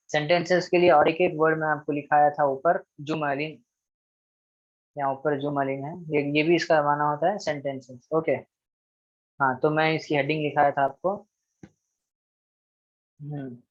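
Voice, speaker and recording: A man's voice: on the high side, fairly even intonation, measured pace, long pauses, muffled recording. A man teaching an Arabic grammar lesson, patiently repeating each rule and checking in with his students often. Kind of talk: recorded online grammar lesson.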